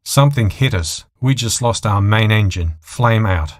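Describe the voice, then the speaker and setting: A man voicing a hot-tempered, foul-mouthed, frantic male airline pilot in an audio thriller story, exasperated and shouting. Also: on the low side, lively intonation, a little slow, no echo, clean studio sound. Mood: tense.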